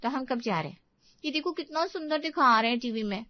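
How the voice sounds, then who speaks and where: A woman voicing a quick-tempered, tearful young bride in a cartoon story, with shrill and petulant outbursts. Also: lively intonation, no echo, highs cut off. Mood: sulky, angry.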